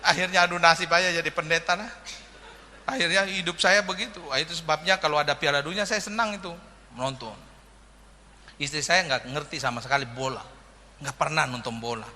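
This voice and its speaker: A man's voice: on the high side, fairly quick, bright, forceful tone, long reverb tail, slight background noise. A man preaching a sermon in a joking, humorous way, often calling out "amin" to the congregation. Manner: humorous, jokey preaching with frequent "amin" calls. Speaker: pastor.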